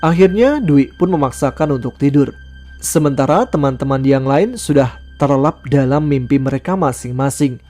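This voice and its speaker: A man narrating a true-life mountain horror story in a steady, even reading voice. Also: medium pitch, moderate pace. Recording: faint background music.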